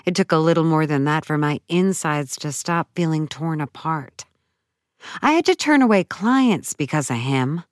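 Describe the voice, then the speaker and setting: A woman narrating a first-person audiobook story in a measured, dramatic way. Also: sits low, lively intonation, no room sound, clean studio sound.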